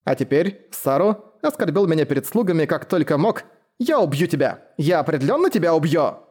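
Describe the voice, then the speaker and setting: A man voicing a proud, fiery young woman warlord who scolds and shouts insults. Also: on the high side, big pitch swings, a little fast, slightly rough. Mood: flustered, angry. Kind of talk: audiobook character voice.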